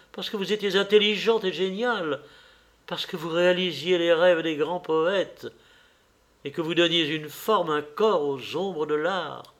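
A man's voice: sits high, voice pushed up. A man doing a scornful young lover. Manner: loud, cutting, contemptuous outbursts.

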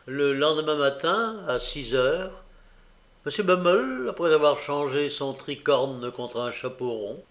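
A man narrating a classic novel as an audiobook reader, measured and expressive. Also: mid-range voice. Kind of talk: scripted narration.

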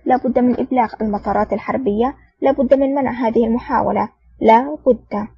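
A woman's voice: fairly high pitch, fairly even intonation, fast talker, husky, dry recording. A woman voicing an anxious, ambitious male Soviet officer who talks in an eager, flustered way. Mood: agitated. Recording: dull lo-fi audio.

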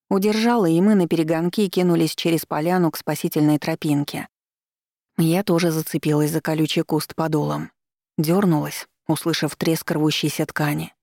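A woman narrating a first-person story for an audiobook, calm and even. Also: low-pitched, creaky, no echo, clean studio sound.

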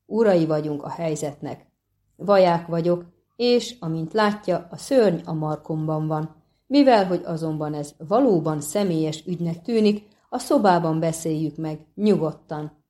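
A woman voicing Geralt, a stern male witcher swordsman who gives calm, clipped orders in a lowered voice. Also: natural voice. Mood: calm commanding.

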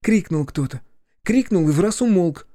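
A man voicing a terrified young woman in an audiobook, with shrill, panicky lines. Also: expressive, measured pace, mellow, dry recording, clean studio sound. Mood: alarmed. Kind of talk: audiobook character voice.

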